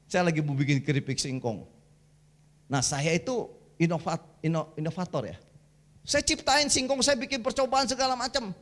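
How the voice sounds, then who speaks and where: A man with a notably high voice delivers a sermon in a church. He talks in loose, slangy storytelling and mixes jokes with teaching about family life. The tone stays casual and animated throughout. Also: moderate pace, pauses often. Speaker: guest preacher. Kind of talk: humorous sermon.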